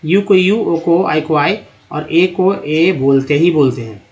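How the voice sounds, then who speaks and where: A man teaching English reading and phonics, slowly sounding out words and vowels and repeating them for viewers. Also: a little high, darkish tone, lo-fi sound. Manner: slow, drawn-out spelling and sounding of words. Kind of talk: Hindi-language phonics lesson.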